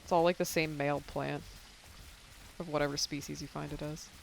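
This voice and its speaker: A young adult streams a game and rambles to chat in a loose, casual way, with some swearing. The voice is mid-pitched and full of gravelly fry. They are losing their voice, and faint background noise sits under it. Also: flat delivery, fairly quick, low-quality recording. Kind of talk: casual live-stream chat while gaming.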